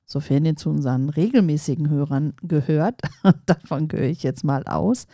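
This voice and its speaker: A woman in her forties hosting a coaching podcast, talking calmly and reflectively straight to the listener. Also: deep voice, normal speed, no echo, clean studio sound. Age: 40s. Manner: calm, reflective, addresses listener directly. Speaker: podcast host.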